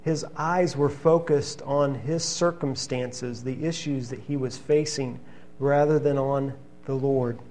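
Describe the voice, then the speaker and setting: A man preaching a sermon, reading scripture passages in an earnest, steady teaching manner. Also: mid-range voice, slow pace, slight background noise.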